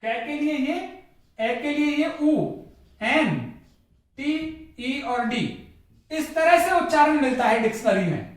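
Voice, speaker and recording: A man with an extremely high voice teaches English pronunciation in a classroom-style lesson, going slowly and pausing often. He drills each word by repeating it and asks questions he then answers himself, recorded far from the mic in an echoey room.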